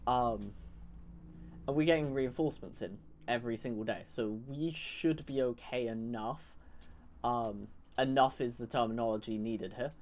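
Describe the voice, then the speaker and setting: A man talks through a strategy game in loose, rambling commentary, trailing off and restarting his sentences as he thinks out loud. He mocks the enemy with dry sarcasm. His pitch sits in an ordinary middle range. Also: normal speed. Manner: rambling, sarcastic, self-correcting. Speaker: gaming YouTuber.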